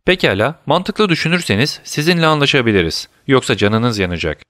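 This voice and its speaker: Sherlock Holmes, alaycı ve soğukkanlı dedektif bir erkeğin sesiyle. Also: male voice, medium pitch, fairly quick, dry recording, clean studio sound, voice pushed up, lightly acted. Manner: calm, teasing, commanding. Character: cool, mocking male detective, middle-aged. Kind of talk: audiobook character voice.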